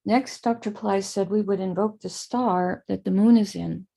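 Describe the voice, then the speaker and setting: Calm, instructive speech from an American woman teacher fills the gaps between slow chanted invocations as she leads a live prayer ritual on a video call, her voice gravelly at a medium pitch.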